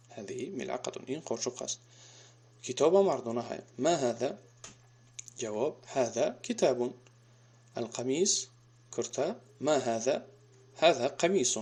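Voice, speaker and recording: A man with a Tajik accent and an ordinary mid-range voice leads a recorded Arabic lesson. He works through each example patiently, slowing down to read and repeat it before translating. The delivery is calm and methodical throughout. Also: mid-range voice. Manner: patient, reads each example slowly twice then translates. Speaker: Arabic language teacher.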